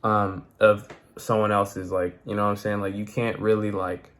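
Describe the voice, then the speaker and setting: Young male vlogger, low-pitched, casual and slangy, lots of "like" and "you know". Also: moderate pace. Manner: rambling, filler-heavy, slangy, animated. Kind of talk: casual talk to camera.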